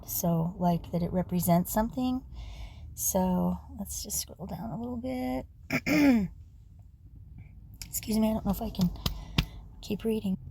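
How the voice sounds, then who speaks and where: A woman losing her voice, reading history aloud at a casual pace, with asides and throat clearing. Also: mid-range voice, warm tone, slight background noise. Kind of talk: casual read-aloud for sleep.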